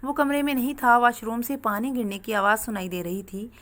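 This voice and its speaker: A woman narrates a first-person story in a steady, earnest manner. Her voice sits fairly high. The reading is scripted and even. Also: brisk.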